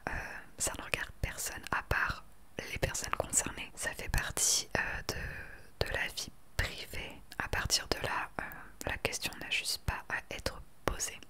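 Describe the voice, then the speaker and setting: A woman in her late twenties talking earnestly and with conviction in a soft whispered ASMR chat into a desktop microphone. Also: unhurried. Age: 20s. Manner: earnest, opinionated. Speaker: ASMR creator. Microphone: desktop USB microphone.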